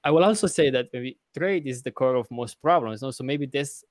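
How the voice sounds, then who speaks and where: An earnest man, his voice sitting in an ordinary middle register. He argues his case in a casual podcast chat, halting and restarting as he thinks aloud. The sound is close and dry. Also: mid-range voice, no room sound. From Romania. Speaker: podcast host. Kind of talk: casual discussion.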